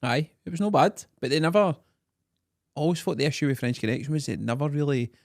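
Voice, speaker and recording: A Scottish man co-hosting a podcast in casual comic banter, animated and freely swearing. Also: fairly high pitch, fairly quick, no room sound, studio quality. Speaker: podcast co-host.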